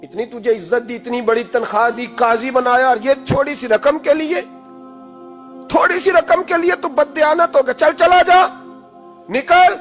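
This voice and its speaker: A stern, commanding sultan in a spoken sermon tale, acted out by a preacher. His voice sits high and climbs into loud, angry orders. Faint music plays underneath. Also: expressive, moderate pace. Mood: furious. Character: stern powerful male sultan judging a corrupt judge.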